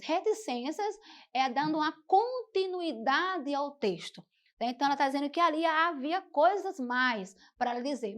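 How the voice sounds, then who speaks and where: Lady teacher on a tv class, high voice, keeps saying então and né. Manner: explanatory, often says "então" and "né". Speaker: Portuguese teacher. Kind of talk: televised school lesson.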